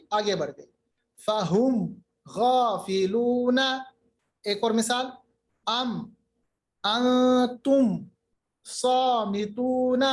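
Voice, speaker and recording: A male teacher giving a recitation lesson, explaining each rule patiently and step by step, with slow chanted examples. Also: extremely high pitch.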